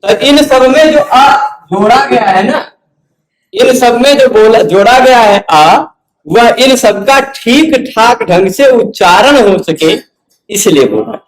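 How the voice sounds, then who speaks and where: A man's voice: very high-pitched, expressive, reverberant, rough recording. A man teaching Sanskrit grammar in a patient lecture, sounding out syllables one by one and checking that his students follow. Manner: patient, repeats syllables slowly, asks students questions. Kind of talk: explanatory lecture.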